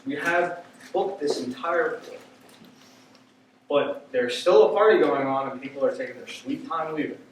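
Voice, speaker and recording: A man doing stand-up, telling a story in an animated way, swearing casually and quoting people in voices. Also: on the high side, normal speed, a little hiss or hum. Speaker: stand-up comedian. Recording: echoey room, mic from a distance.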